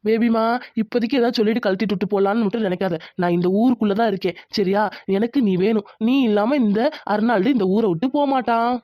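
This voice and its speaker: A woman's voice: mid-range voice, fast, no echo, close to an everyday voice. A woman voicing a pushy, lovestruck young village man who talks insistently. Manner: insistent, clingy. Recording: dry, dull lo-fi sound.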